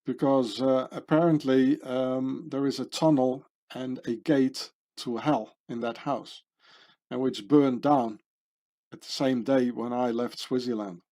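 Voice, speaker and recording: A man talks unhurriedly through a set of pictures as a channel host. His voice is dark and mellow, and his speech meanders, full of fillers, restarts and tag questions. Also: mid-range voice, fairly even intonation, unhurried. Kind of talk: rambling monologue over pictures.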